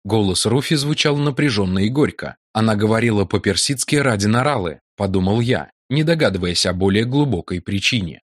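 A man narrating a novel in a measured, dramatic audiobook reading. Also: fairly low pitch, animated, no room sound, clean studio sound.

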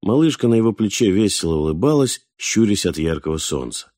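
A man reading a novel aloud as audiobook narrator, in a calm, measured, unhurried manner. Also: on the low side, no echo, studio quality. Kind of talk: scripted narration.

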